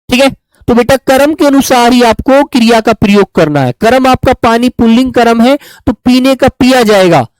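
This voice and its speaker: A man's voice: very high-pitched, no echo, poor audio. A man teaching grammar to a class, patiently repeating examples and calling on students by name. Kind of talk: classroom lesson.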